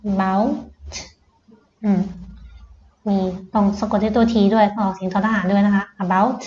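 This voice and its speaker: A woman's voice: mid-range voice, level tone, dark tone, echoey room, dull audio. A woman English tutor with a Thai accent, teaching children vocabulary patiently and repeating each word. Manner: patient, repeats words slowly. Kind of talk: slow vocabulary lesson for children.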